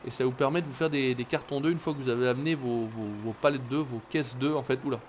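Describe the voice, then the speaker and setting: Speaking fast at a medium pitch with fairly even intonation, this French host of a gaming video chats his way through a farming game. A little hiss or hum sits under his casual commentary, which includes occasional swearing and direct talk to viewers.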